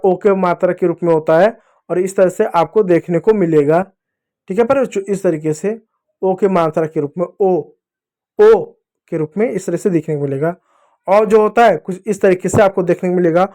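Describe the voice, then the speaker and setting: High-voiced man teaching children. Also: darkish tone. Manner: patient, repeats and drills sounds, addresses children directly. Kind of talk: spoken children's lesson.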